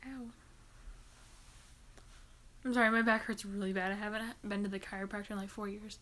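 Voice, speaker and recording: Bright-voiced, giggly book vlogger woman. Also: medium pitch, level tone, rapid-fire. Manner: giggly, chatty. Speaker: book vlogger hosting a live Q&A. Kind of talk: casual live-stream chat.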